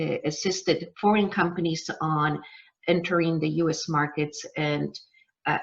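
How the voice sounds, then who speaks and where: A middle-aged woman from Poland with a Polish accent, a business coach leading a live online masterclass, talking with many ums and uhs. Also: deep voice. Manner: hesitant, many fillers. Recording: dull lo-fi sound.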